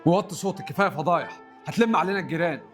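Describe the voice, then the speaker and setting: An actor playing a defensive young husband in a comedy sketch, speaking bluntly and curtly with an Egyptian Arabic accent. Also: male voice, high voice, a bit bright, soft background music. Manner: rapid, curt and defensive.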